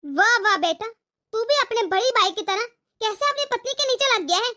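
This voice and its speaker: A woman's voice: extremely high pitch, lively intonation, a little fast, sharp tone, full character voice. A woman voicing a stubborn, domineering older mother-in-law in a cartoon, scolding and threatening. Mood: scornful. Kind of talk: cartoon voice acting.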